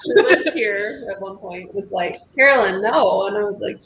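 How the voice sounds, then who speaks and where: A woman's voice: medium pitch, moderate pace. A woman chatting playfully with friends, often breaking into giggles. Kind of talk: casual chat. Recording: echoey room with faint noise.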